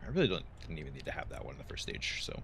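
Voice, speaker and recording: Young male gamer talking to himself, rambling and jokey, raspy with a bright tone. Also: rumbling low, very animated, very fast, a little hiss or hum. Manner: rambling, joking self-talk with meme quotes. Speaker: gaming video creator. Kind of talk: casual gameplay commentary.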